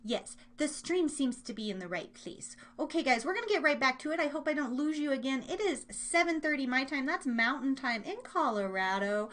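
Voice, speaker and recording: With a high-pitched, animated voice and a fairly bright tone, she talks briskly and barely pauses. The speaker is an American woman casually hosting her live online radio show and podcast, rambling in a bubbly way with listeners.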